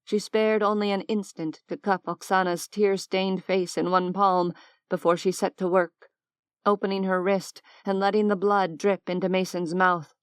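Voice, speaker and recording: A woman narrating an audiobook in a measured, deliberate way on a close mic. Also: medium pitch, level tone, clear, resonant tone, no echo. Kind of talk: scripted narration.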